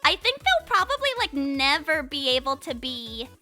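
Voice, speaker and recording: A woman in her twenties chats casually as a livestream host, playful and rambling, saying "like" constantly. Her high-pitched voice is sing-song, bright and forceful, at a moderate pace. Faint music plays behind her.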